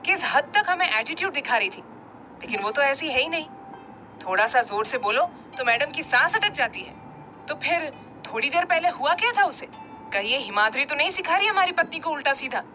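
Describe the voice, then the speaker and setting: A woman's voice: animated, a little fast, sharp tone, faint music behind. A woman voicing a stern, hot-tempered young man with a heavy voice who scolds his younger brother. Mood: brooding. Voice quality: heavy deep-toned voice.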